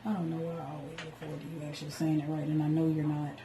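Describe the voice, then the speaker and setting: A woman's voice: low voice, flat delivery, fast, mellow, slight background noise. Teasing woman co-hosting a chat show. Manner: teasing, questioning. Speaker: podcast co-host. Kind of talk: casual chat. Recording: roomy sound with faint music.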